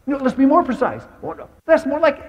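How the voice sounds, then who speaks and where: A man voicing a loud, teasing male high-school football coach who calls players out. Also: huge pitch swings, fairly quick, in a large hall, full character voice. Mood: booming. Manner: booming, teasing, high and shouted.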